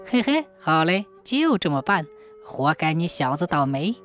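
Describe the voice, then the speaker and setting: A woman's voice: deep voice, very animated, a little slow, soft background music, voice pushed down, full character voice. A woman voicing a sly, lecherous and cruel village man who snickers and bellows threats in a storybook tale. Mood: scheming. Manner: leering snicker, shouting threats.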